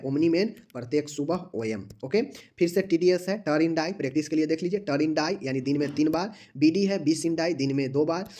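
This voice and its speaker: A man's voice: on the high side, darkish tone. A man teaching an online nursing exam-prep lesson. He drills abbreviations, repeating each full form and spelling it out letter by letter.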